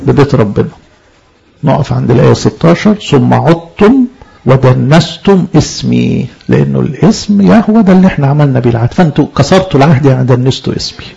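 Egyptian male preacher, fast emphatic sermon, gravelly fry, dull lo-fi recording. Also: mid-range voice, lively intonation, dark tone. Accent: Egyptian Arabic. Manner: emphatic, asks the listeners questions and answers them.

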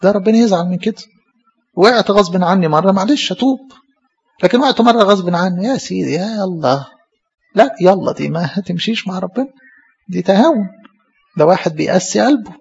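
A man's voice: high-pitched, creaky, husky, lo-fi sound. A man with an Egyptian Arabic accent, a priest preaching a sermon in a conversational way, asking rhetorical questions and repeating his phrases.

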